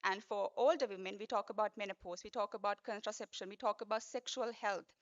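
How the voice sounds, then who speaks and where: A woman in her twenties with a Sri Lankan accent, giving an earnest, formal pageant speech with deliberate, emphatic phrasing. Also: medium pitch, lo-fi sound. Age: 20s. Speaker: pageant finalist.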